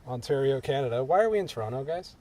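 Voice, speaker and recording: A young man hosting a casual podcast chat, jokey and lively. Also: medium pitch, fast talker, no room sound. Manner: lively, jokey, animated delivery. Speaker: podcast host. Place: indoors in Toronto.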